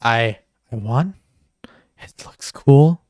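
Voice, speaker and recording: A man co-hosting a livestream in casual chat, excitable and jokey, swearing now and then. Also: mid-range voice, slow, no room sound, studio quality. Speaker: stream co-host.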